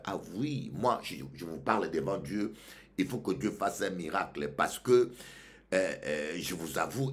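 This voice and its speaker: A male pastor from Congo, preaching a sermon that swings from loud outbursts to low murmurs.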